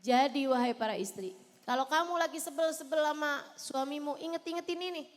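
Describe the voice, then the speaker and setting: A woman preaches in a big, reverberant hall. She talks straight to the wives in the room, hitting some lines loud and sinking others into soft pleading. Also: high-pitched, a little fast. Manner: impassioned, addressing wives directly, swinging between loud emphasis and soft pleading. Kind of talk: sermon. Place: large hall at a religious celebration.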